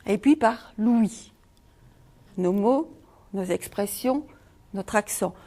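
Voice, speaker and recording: Speaking slowly in a mellow, medium-pitched voice, a middle-aged woman from Belgium presents on feng shui at a conference. Her accent is Belgian French, and she asks the audience rhetorical questions.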